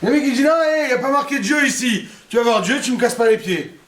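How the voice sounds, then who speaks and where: A man's voice: very high-pitched, animated, quick pace, fairly bright tone, slight background noise, voice pushed up. A man voicing a curt, dismissive husband in a humorous lesson, recorded in a roomy space from a distance. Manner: brusque, dismissive.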